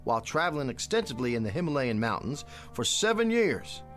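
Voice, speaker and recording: A florid Old West huckster in old radio show style. His delivery is grandiose and declamatory, with lively swings of pitch, over loud music. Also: brisk. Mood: grandiose, persuasive. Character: smooth-talking theatrical male con man in the Old West. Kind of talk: old-time radio drama acting.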